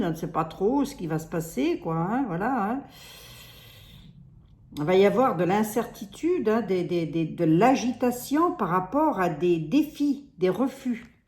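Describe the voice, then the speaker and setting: Speaking at medium pitch with a slightly mellow tone, a woman reads tarot cards casually in a reverberant room. Her Lorraine French accent comes through as she hesitates, rambles and restarts, peppering her talk with "hein".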